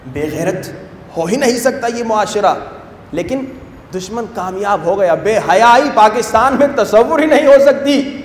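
Fervent high-voiced man preaching in a hall. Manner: fervent, swings from loud exclamations to hushed low asides. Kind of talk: impassioned sermon. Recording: echoey hall with long reverb.

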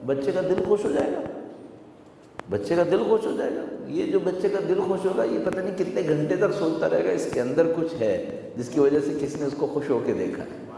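A man's voice: a little high, animated, gravelly, warm tone. Guy giving a chatty sermon, repeats himself for emphasis, super roomy echo, faint noise behind. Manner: conversational, repeats phrases for emphasis. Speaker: religious preacher. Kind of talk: sermon with storytelling. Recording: echoey hall with long reverb.

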